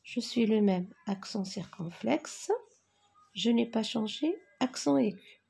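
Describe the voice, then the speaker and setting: A woman teacher going slowly through a spelling exercise, dictating words and naming each accent mark. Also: a little high, vocal fry, warm tone, breathy edge. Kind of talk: worksheet correction lesson.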